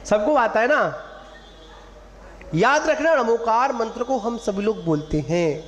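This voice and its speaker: High-voiced man preaching slowly in a hall. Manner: teacherly, drawing out syllables to model pronunciation, asks the audience questions. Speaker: Jain monk preacher. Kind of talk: sermon. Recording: long hall reverb, faint room ambience.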